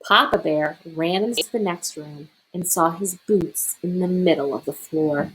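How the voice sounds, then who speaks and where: A woman reading a children's picture book aloud as a storyteller, expressive and deliberate. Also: lowish voice, husky, rough recording.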